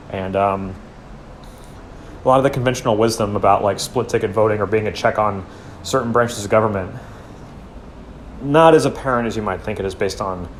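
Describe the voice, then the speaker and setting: Low-voiced man giving casual blunt critique. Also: a little hiss or hum. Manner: loose and conversational, many fillers and trailing off; blunt, occasional swearing. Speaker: commentary channel host.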